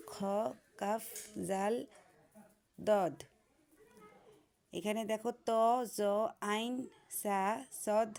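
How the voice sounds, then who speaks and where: A woman teacher with a Bangladeshi Bengali accent, reading textbook answers aloud in a steady, drilled, item-by-item listing. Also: medium pitch, creaky.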